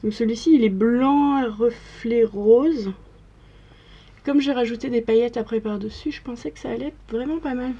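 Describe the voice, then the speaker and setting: Soft-toned young woman narrating makeup. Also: a little high, normal speed, husky, lo-fi sound. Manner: chatty, step-by-step narration. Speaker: makeup vlogger. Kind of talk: casual makeup tutorial talk.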